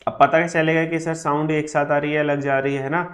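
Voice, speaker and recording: A man with a somewhat high voice teaches a shorthand class. He drills example words aloud, saying each one slowly and more than once. He keeps stopping to ask his students whether they have understood. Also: level tone, fairly bright tone. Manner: drills words by repeating them slowly, checks understanding with frequent tag questions. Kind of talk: classroom lesson.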